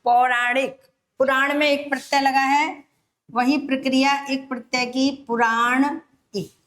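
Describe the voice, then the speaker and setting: A woman teaching Hindi grammar for an exam, explaining step by step and repeating words slowly. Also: high voice, little pitch movement, a bit bright. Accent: Rajasthani Hindi. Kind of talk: exam-prep grammar lesson.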